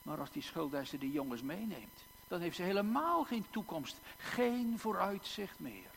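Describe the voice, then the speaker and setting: A male pastor preaching a sermon in a church, slow and emphatic, with long dramatic pauses and repeated words. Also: high voice, big pitch swings, gravelly, a bit bright. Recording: echoey church hall, faint hum.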